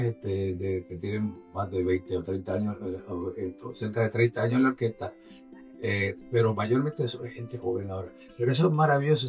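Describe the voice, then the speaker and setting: A man's voice: medium pitch, far from the mic. A man with a Puerto Rican Spanish accent talks conversationally as an interview guest, explaining with animation and checking in with his listener. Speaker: orchestra musician and guest.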